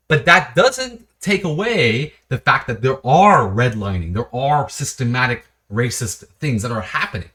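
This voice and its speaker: An animated man talks unscripted to camera for his own video series. His pitch swings widely from low to high as he rambles along. He keeps restarting his sentences and breaking off with short laughs. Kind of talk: casual unscripted monologue.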